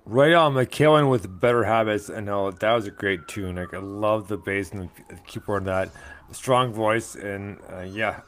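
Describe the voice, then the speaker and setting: Laughing, chatty low-voiced man. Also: moderate pace, fairly bright tone. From Canada. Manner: laughing, jokey, quotes people in put-on voices. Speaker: podcast co-host. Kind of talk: casual chat.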